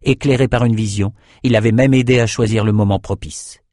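Brief: male audiobook narrator, lowish voice, dry close sound, steady dramatic delivery. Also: fairly quick, no room sound. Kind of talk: scripted narration.

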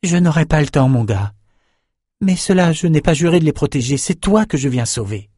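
A man voicing a tough woman warrior who talks bluntly and briskly. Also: on the high side, animated, warm tone, slightly rough, no echo, studio quality, pitched above the performer's own voice. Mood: determined.

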